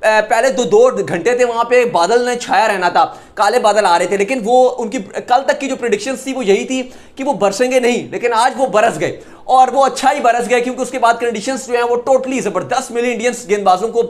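A young man gives an animated, opinionated cricket analysis, gesturing as he talks in a small indoor room. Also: very high-pitched, brisk. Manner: animated, gesturing with his hands. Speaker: cricket vlogger.

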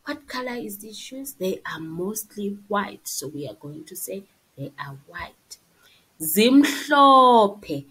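Woman teaching slowly, simply, as to a toddler. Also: medium pitch, animated, fairly bright tone, husky, rough recording. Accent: South African. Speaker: isiZulu language teacher. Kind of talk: slideshow vocabulary lesson for young beginners, bilingual.

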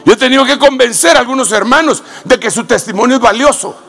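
Predicador de voz aguda y rasposa. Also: male voice, quick pace, soft background music. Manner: shouts exclamations, swings from loud cries to low storytelling. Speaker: apostle preaching. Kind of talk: sermon.

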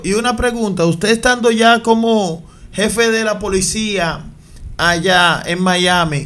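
A young man hosting an interview from a studio set with a headset mic, asking long, wordy questions with flattering build-ups. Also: sits high. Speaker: interview host. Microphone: headset mic on a stand in a studio set.

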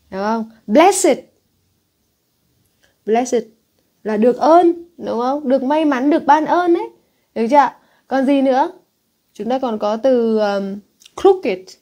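A woman's voice: fairly high pitch, unhurried, pauses often, mellow. A woman English teacher with a Northern Vietnamese accent, teaching an exam-prep lesson and reading English words aloud before explaining them, often asking students if they have followed.

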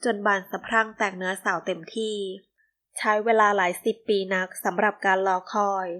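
A woman narrating a romance novel, reading every character herself in a gentle, even voice. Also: mid-range voice, moderate pace. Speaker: audiobook narrator.

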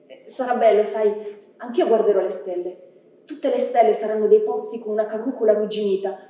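A woman reading a gentle, sad little prince boy aloud on a theatre stage, with a soft, tender, quietly pleading delivery. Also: mid-range voice, steady tone, brisk, lightly acted. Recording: echoey theatre from far off.

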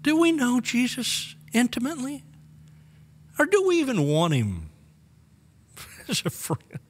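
A man in his sixties preaching a sermon from the pulpit of a church, earnest and full of rhetorical questions, often breaking into soft laughs. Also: very high-pitched, wildly swooping pitch, slow pace. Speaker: pastor. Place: church sanctuary. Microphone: pulpit microphone on a stand. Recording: long church hall reverb.

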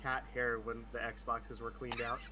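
A man's voice: mid-range voice, flat delivery, unhurried, over a noisy crowd. A man bantering with friends over voice chat, laughing easily as he talks. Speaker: gamer on stream.

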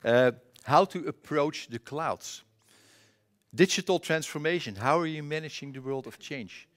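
A man's voice: fairly high pitch, measured pace. Hesitant Dutch-accented man presenting. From Netherlands. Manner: casual, hesitant, frequent filler sounds and restarts. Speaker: conference presenter and trainer. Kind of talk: conference presentation. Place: conference room. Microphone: presentation mic.

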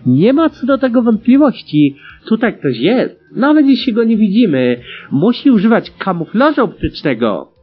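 A man's voice: high voice, big pitch swings, normal speed, slightly rough, soft background music, pitched above the performer's own voice, exaggerated voice. A man voicing an alarmed young female pegasus pilot who talks in an urgent, insistent way. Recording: dull lo-fi recording.

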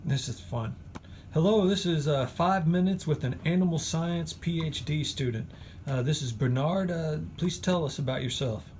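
A man's voice: fairly high pitch, normal speed, a little mellow. A man hosting a casual interview, upbeat and hesitant, with filler words between his questions. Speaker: interviewer host. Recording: noisy room recording.

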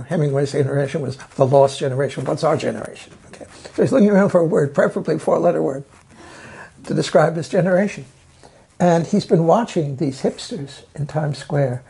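A man in a documentary interview, talking about literature with animated storytelling and emphatic repeated words. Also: on the high side, gravelly, slightly rough.

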